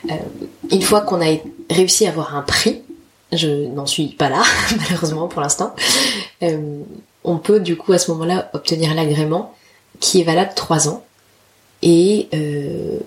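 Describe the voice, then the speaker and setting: Low-pitched young woman, candid podcast talk. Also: normal speed. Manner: candid, self-deprecating, slangy. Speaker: podcast host, photographer. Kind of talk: casual solo podcast monologue.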